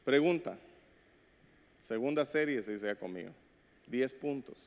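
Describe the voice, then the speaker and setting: A Latin American pastor with a mid-range, animated voice preaches a sermon at an unhurried pace. He calls out to the congregation and acts out short quoted voices. The church sanctuary adds a long hall reverb.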